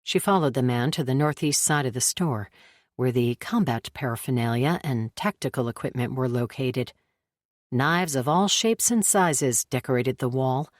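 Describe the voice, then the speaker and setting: A woman narrating a thriller audiobook in a measured, even way. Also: rumbling low, no echo, clean studio sound. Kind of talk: scripted narration.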